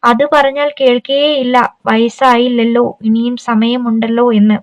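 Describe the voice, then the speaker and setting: A woman voicing a grieving young wife who speaks in a soft, subdued, pleading way. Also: fairly high pitch, level tone, unhurried, no echo, lightly acted.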